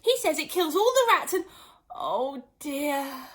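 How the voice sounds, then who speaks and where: A woman's voice: high-pitched, sing-song, slow, fairly bright tone, pitched above the performer's own voice, exaggerated voice. A woman voicing a polite, chatty, curious little girl in a storybook, earnest and eager in manner. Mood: sorrowful, coaxing.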